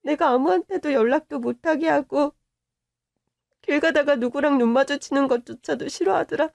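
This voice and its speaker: A young woman playing a newlywed daughter who quietly and resignedly tells her mother what she went through, in a Korean-style radio-drama story reading. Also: high-pitched, moderate pace, creaky, dry recording. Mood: hurt, resigned. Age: young adult. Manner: quiet, resigned confessional telling. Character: young wife confiding to her mother, hurt and subdued.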